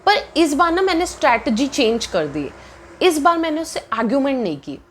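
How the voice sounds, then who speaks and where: A vlogger in her twenties sits down for a loose, chatty storytime about something that happened to her, switching between Hindi and English mid-sentence. Her voice sits a little high and runs a little fast, lively and indignant, with a little hiss or hum in the background.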